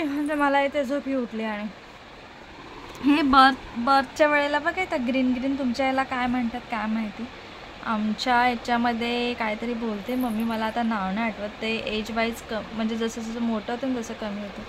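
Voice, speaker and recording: A woman's voice: on the high side, fairly even intonation, normal speed, fairly bright tone. A young mother, chatting casually at home in a vlog and slipping into doting baby talk. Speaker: mother and vlogger. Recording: noisy home phone recording.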